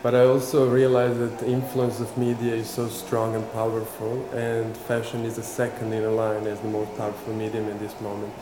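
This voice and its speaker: Low, flat-voiced man from Serbia. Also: fairly quick, hardly any pauses. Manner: earnest, reflective, second-language phrasing. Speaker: fashion designer. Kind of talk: interview answer. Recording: echoey room with music. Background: music.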